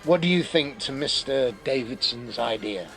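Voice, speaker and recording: A man's voice: mid-range voice, lively intonation, moderate pace, fairly bright tone, soft background music, lightly acted, rough recording. A man playing a dry, formal, businesslike amusement park owner.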